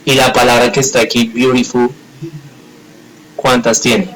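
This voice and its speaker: A man's voice: medium pitch, monotone, measured pace, a bit bright, slight background noise, poor audio. A man teaching a live grammar class, explaining step by step in a patient way and checking often that students follow. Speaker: English teacher.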